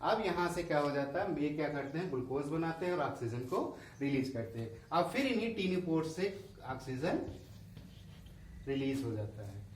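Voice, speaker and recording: A man teaching school science with a Hindi accent explains diagrams in class, asking questions he answers himself. His voice is fairly high and animated at normal speed, with a little hiss or hum in an echoey room, the mic a bit far away.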